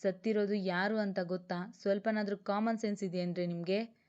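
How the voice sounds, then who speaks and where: A woman's voice: mid-range voice, steady tone, brisk, darkish tone, smooth, close to an everyday voice. A woman reading a brusque senior male police officer who scolds his subordinate, on a dull lo-fi recording. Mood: scolding. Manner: brusque and reprimanding.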